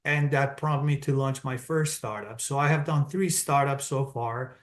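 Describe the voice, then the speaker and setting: Interviewed as a guest, a middle-aged man from Colombia explains step by step in a Colombian Spanish accent, keeping a steady, businesslike tone and ordering his points carefully. His mid-range voice moves at a moderate pace.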